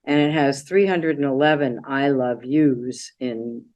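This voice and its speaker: A woman with a notably low voice talks casually through her travel slides. She rambles a little and fills pauses with "um" and "so" as she clicks along. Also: a little mellow. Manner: chatty, meandering, with many fillers. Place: library meeting room.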